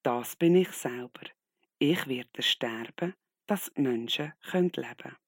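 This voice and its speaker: A man voicing Jesus as a calm, gentle teacher in a Bible story. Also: mid-range voice, measured pace, husky, no echo, clean studio sound. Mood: solemn.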